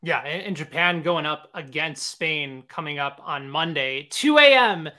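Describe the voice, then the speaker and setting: Bright-voiced sports show host. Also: male voice, a little high, expressive, a little slow. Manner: conversational, with many fillers. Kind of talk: interview questions.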